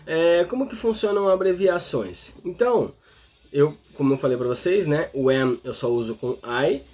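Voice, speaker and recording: Brazilian guy teaching english online, kinda high voice, a bit husky, keeps checking in with "right?". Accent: Brazilian Portuguese. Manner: explains step by step, constantly checking in with the listener. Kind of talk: explanatory online lesson.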